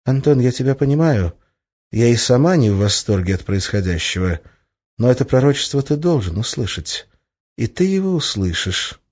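A man's voice: mid-range voice, sing-song, normal speed, a little mellow, breathy edge, voice pushed up. A man voicing a sly, teasing young witch. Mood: coaxing. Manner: teasing, coaxing, lilting. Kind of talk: audiobook character voice. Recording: slightly muffled lo-fi recording.

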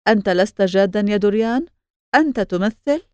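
Woman reading lovestruck young actress, pleading, mid pitch, dry sound. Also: animated, a little fast, darkish tone, clear, resonant tone, dry recording, natural voice. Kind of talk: audiobook character reading.

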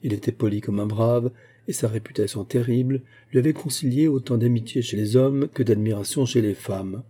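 A man reading a classic novel aloud as a narrator, in a measured literary manner. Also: mid-range voice, dark tone, husky. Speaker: audiobook narrator. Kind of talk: scripted narration.

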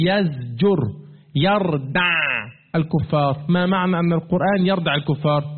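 A man teaching a religious lesson, asking his listeners questions and repeating them, his pitch swinging up and down as he slows to stress key words. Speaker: teacher of Quran commentary. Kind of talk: classroom-style religious lesson. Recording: tinny phone-like lo-fi recording.

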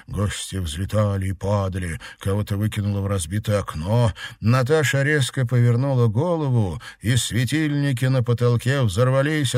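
A man reading an audiobook as narrator, in a steady, dramatic manner. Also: on the low side, no echo, clean studio sound. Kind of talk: scripted narration.

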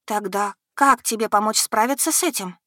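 A woman voicing a lively, caring young heroine with eager, animated speech. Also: medium pitch, moderate pace, no room sound, clean studio sound, voice pushed up, lightly acted.

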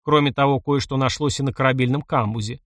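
A man narrating an adventure novel in an even storytelling voice. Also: mid-range voice, quick pace, no room sound, clean studio sound. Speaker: audiobook narrator. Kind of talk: scripted narration.

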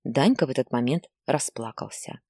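A woman narrating a story in an expressive, dramatic reading style. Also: extremely low pitch, moderate pace, no echo, clean studio sound.

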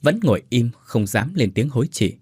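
A man reads a ghost story in an intimate storytelling manner. His voice is husky and moves through a lively pitch range. The sound is close and dry. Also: moderate pace, no room sound. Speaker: narrator. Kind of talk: scripted horror story narration.

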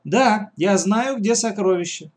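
A man voicing a calm, clever boy in glasses who speaks in a reasoned way. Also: sits high, measured pace, pitched above the performer's own voice.

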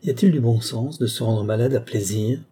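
A man voicing a gentle, teasing young village woman, lifting his voice slightly for her lines. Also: mid-range voice, a little fast, breathy edge.

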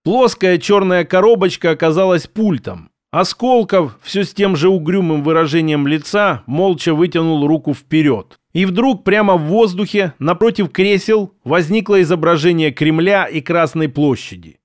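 A man narrating an audiobook in an even storytelling manner on a close microphone. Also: high voice, moderate pace, hardly any pauses, dry recording.

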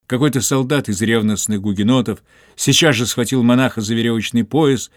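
A man narrating an audiobook in a steady, measured reading. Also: medium pitch, no echo, studio quality.

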